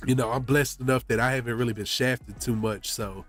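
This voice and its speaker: A man with a mid-pitched, congested voice chats to his stream viewers while sick. His talk is casual and slangy, peppered with "bro", and faint music plays behind him. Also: steady tone, fairly quick, fairly bright tone. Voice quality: congested, stuffy nose. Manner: slangy, often says "bro". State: sick with a blocked nose. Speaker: game streamer.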